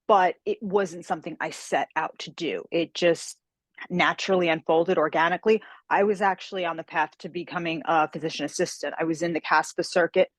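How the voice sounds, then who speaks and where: In a dry recording, a fantasy author with a fairly low voice joins a video call as a guest. She talks about her writing in a chatty, enthusiastic, casual interview style.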